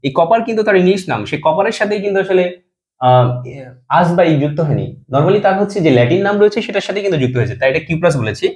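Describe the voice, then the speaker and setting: A man's voice: sits high, animated, rapid-fire, a little mellow. A man teaching a chemistry lesson, explaining step by step and answering his own questions, dropping his voice at the end of each compound name.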